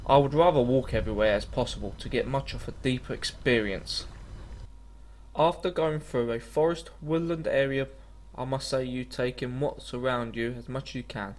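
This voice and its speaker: A man's voice: medium pitch, fairly even intonation, normal speed. A man reading a scripted travel documentary voice-over in an earnest, slightly stumbling way. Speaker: vlogger narrating a walking trip.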